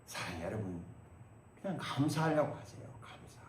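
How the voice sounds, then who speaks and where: A man in his sixties preaching a sermon as pastor, swinging between loud exhortation and quiet asides and acting out prayers. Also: fairly low pitch, big pitch swings, brisk, roomy sound, a little hiss or hum. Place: church sanctuary.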